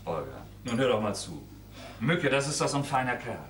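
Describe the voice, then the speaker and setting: An exasperated young lodger. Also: male voice, mid-range voice, big pitch swings, a little fast, a crowd in the background. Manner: exasperated, blustering. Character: exasperated young lodger trying to end an affair. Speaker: Fred, furnished-room lodger. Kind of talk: stage comedy acting. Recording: echoey stage from far off.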